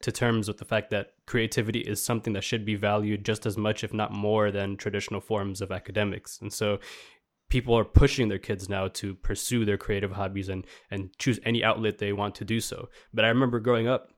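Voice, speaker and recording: A man's voice: on the low side, flat delivery, a little fast. A man in his twenties talking in a casual, reflective, rambling way, full of "like" fillers. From New York, USA. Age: 20s. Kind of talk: casual chat.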